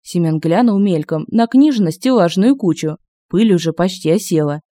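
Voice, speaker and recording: A man narrating an audiobook in a lively, expressive reading. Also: sits high, moderate pace, dry recording, clean studio sound.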